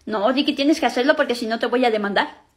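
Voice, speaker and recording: A woman's voice: fairly high pitch, quick pace, close to an everyday voice. A woman playing a scheming young sister, bossy and sly, in a comedy skit. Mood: smug.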